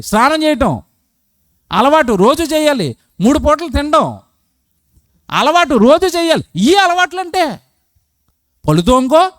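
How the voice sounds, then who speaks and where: Male preacher, high voice, dry close mic; emphatic, questions the crowd. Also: dry recording. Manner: emphatic, asks the crowd questions and acts out short quotes. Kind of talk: sermon.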